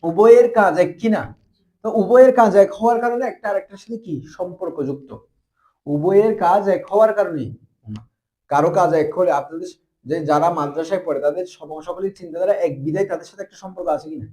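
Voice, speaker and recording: A man teaching a classroom grammar lesson. His voice sits high, and he talks quickly, firing rhetorical questions at his students to keep them answering. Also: a little mellow. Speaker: madrasa teacher.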